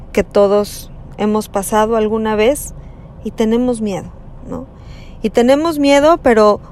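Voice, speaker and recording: A woman giving a slow, conversational reflection on a Gospel passage, often adding tag questions. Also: mid-range voice, a little mellow, a little hiss or hum. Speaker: preacher.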